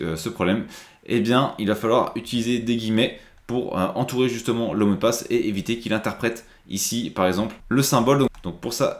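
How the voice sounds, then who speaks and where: A man's voice: lowish voice, roomy sound. A man presenting a screen-recorded IT tutorial, explaining step by step with frequent hesitations.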